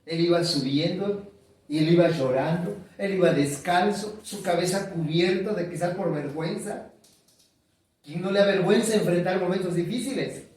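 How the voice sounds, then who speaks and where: High-voiced preacher in an echoey hall. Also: male voice, normal speed, a little mellow, far from the mic. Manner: asks the congregation questions and repeats key words. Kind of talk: sermon.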